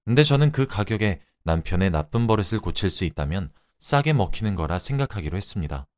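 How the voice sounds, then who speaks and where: A man narrates a radio drama in a lowish voice. His delivery is expressive and animated, with his pitch rising and falling as he tells the story. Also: fairly quick, no echo, clean studio sound.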